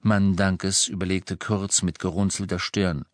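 A man narrating an audiobook in an expressive, even-paced reading. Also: deep voice, measured pace, no echo.

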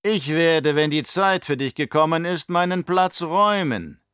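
A scheming old baron with a raised, forceful voice that drags its words out in slow mockery, as a male audiobook reader puts him on. The recording is dry and close. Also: on the high side, lively intonation, clean tone, no echo, voice pushed up. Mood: menacing. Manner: slow, drawn-out, mocking delivery. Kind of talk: audiobook character voice.

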